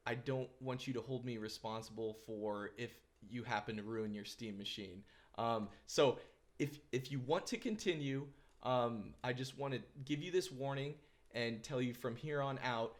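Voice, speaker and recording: A man's voice: mid-range voice, fairly bright tone. A man narrating a casual step-by-step computer tutorial, chatty and reassuring, with frequent ums and uhs as he rambles through the steps. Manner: reassuring, careful about disclaimers. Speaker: tech tutorial presenter.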